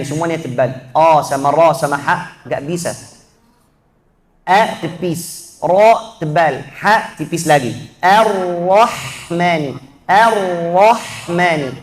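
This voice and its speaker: A high-voiced Egyptian man whose first language is Arabic teaches a Quran recitation lesson in a mosque. He drills sounds slowly, contrasting wrong and right, and gives chanted recitation examples.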